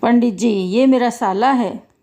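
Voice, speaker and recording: A woman's voice: fairly high pitch, a little slow, warm tone. A woman voicing a proud village headman who talks in a brusque, commanding way.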